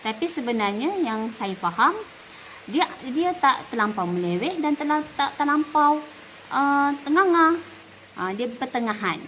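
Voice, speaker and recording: A woman with a Malaysian accent explains a lesson in a fairly high voice, stopping often to repeat words slowly and with stress. A faint hiss of noise sits under her voice. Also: animated, fairly bright tone, poor audio. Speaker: teacher. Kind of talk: instructional talk.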